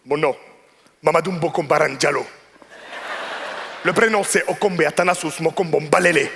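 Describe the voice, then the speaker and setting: A man voicing a pushy, proud, easily offended male customer who lectures loudly in a stand-up comedy bit on a large theater stage. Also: on the high side, moderate pace. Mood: indignant. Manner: indignant, lecturing, rising to excited outbursts. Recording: stage mic with hall reverb, faint noise.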